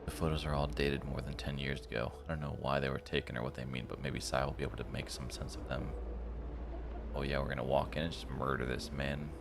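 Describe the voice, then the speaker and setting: A man with an extremely low, creaky voice streams a visual novel, reading its text aloud dramatically in a fast, flat delivery, then breaking off for blunt, slangy, casual reactions. Loud game music plays behind him, along with some background noise.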